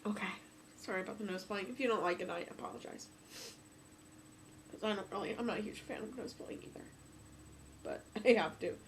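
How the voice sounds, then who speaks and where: A woman's voice: medium pitch, brisk, pauses often, a little hiss or hum. A young woman with a stuffy nose, chatting casually and apologetically to her viewers from home, with lots of fillers. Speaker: vlogger. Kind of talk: casual talk to camera. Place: home room, off camera.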